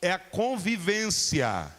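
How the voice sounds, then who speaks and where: A man in his forties preaches a sermon in a church, his voice sitting a little high for a man. He acts out the people in his stories with lively swings of pitch, and a long reverb rings through the hall behind him. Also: slow. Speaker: guest pastor. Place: church sanctuary.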